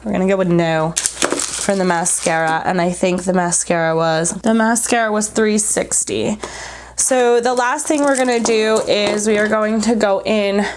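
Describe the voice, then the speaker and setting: A woman's voice: mid-range voice, steady tone, a little slow, background noise. Breathless woman doing a casual makeup review. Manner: informal, blunt, jokey asides. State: breathless, congested from spring allergies. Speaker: beauty vlogger reviewing makeup. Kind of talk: casual chat to camera while applying makeup.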